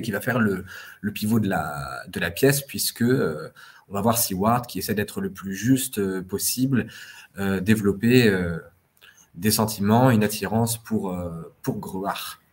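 Casting: deep-voiced male podcast co-host, thoughtful, halting delivery. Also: a little mellow. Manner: explanatory, hesitant with many fillers. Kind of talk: literary discussion.

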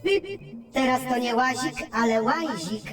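A woman's voice: a little high, expressive, measured pace, music in the background. A woman voicing Robi, a know-it-all onboard computer in a children's cartoon, who lectures in facts and starts with a beep. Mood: lecturing. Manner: lecturing, factual, beeps before speaking. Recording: roomy, distant and echoey.

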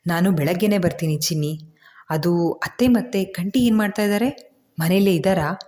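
A worried young husband, urgent at first and then steadying , as a woman narrator acts him out. The voice stays warm and fairly low. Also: moderate pace, natural voice. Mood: concerned.

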